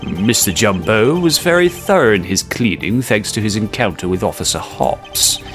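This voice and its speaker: A man voicing a confident young male defense lawyer with a deliberate, emphatic courtroom delivery. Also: fairly low pitch, expressive, fairly bright tone, faint music behind. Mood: assertive.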